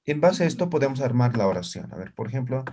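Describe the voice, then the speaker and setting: A man teaching a live online language class over a video call. He talks patiently, says words slowly and often checks that students follow. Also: mid-range voice, sing-song, warm tone, slight background noise.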